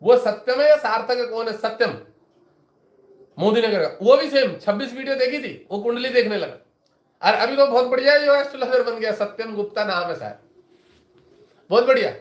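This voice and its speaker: A man's voice: very high voice, moderate pace, long pauses. Man, astrologer, casual teaching talk, chatty, rambling, echoey room. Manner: chatty, rambling, retells conversations with students. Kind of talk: casual lecture to viewers.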